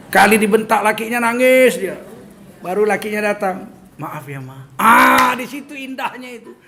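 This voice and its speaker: A middle-aged preacher from Medan, North Sumatra, speaks in a high-pitched voice at normal speed with a Medan Indonesian accent. His sermon is humorous and animated, and he acts out little scenes in asides as he goes.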